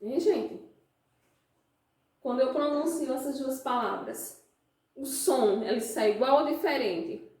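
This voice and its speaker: A Brazilian woman teaches a class at an unhurried pace, her fairly high voice checking in with the students again and again. She sounds some way off from the mic, and the room around her is very echoey. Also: darkish tone, far from the mic. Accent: Brazilian Portuguese. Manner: explains slowly, asks the class frequent check questions. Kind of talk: classroom lesson.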